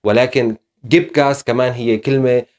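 A man's voice: mid-range voice, fairly even intonation, brisk, darkish tone. A man teaching German in a casual video lesson, explaining step by step with frequent fillers.

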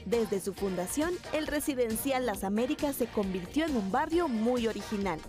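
A woman narrating a TV news feature in a smooth, scripted voice-over. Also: on the high side, normal speed. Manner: smooth, steady voice-over delivery. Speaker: TV reporter narrator. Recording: voice-over with music bed.

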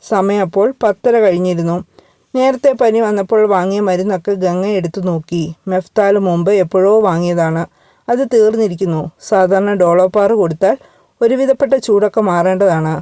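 A woman narrating a romance story in a steady, measured storytelling manner. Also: medium pitch, no echo. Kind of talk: scripted narration.

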